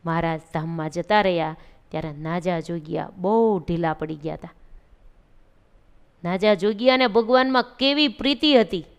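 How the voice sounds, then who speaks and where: Woman, Gujarati accent, devotional storytelling sermon, expressive, very clear resonant tone. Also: medium pitch. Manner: expressive, acts out quoted devotees in a pleading voice. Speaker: religious storyteller.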